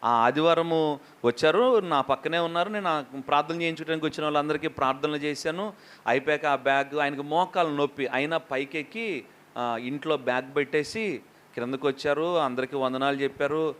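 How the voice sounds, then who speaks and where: A man preaching a lively sermon as a pastor, questioning the congregation and acting out quotes. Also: fairly high pitch, a little fast.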